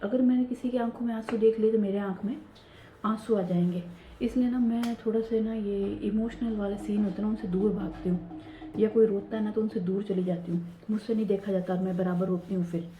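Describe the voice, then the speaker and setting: A woman in her thirties narrating her daily home chores in a soft, hushed voice-over, chatty and confiding. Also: medium pitch, steady tone, brisk, dull audio. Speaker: home vlogger. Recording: roomy home voice-over with faint ambience.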